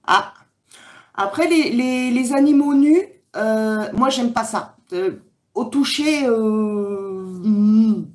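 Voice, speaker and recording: A woman's voice: a little high, slow pace, darkish tone. A woman from France, chatting casually with viewers on her livestream, rambling with many fillers. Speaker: livestream host. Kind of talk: casual live chat reading comments.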